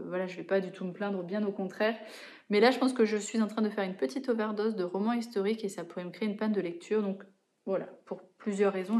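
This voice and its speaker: A woman's voice: medium pitch, warm tone. A woman in her thirties chatting casually to camera about books in a digressive, self-correcting way, recorded indoors in a living room. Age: 30s. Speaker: book vlogger.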